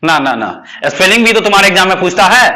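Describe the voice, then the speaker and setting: High, bright-voiced man teaching a class. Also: very animated. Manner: quizzes the class with rapid questions and repetition. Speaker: English teacher. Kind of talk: classroom lecture.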